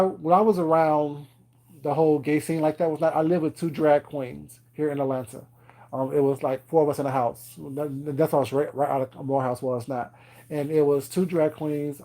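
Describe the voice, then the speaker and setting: Here a man with a slightly high, warm voice rambles through a casual live-stream chat, packing in fillers like "you know what I'm saying," laughing frequently and poking fun at viewers.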